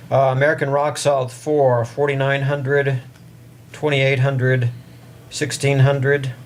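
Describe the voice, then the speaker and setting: A man speaks up to carry across a meeting room as he chairs formal board business. His delivery is even and flat in pitch, at a medium register, with some room noise behind him. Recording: noisy meeting room audio with ambience.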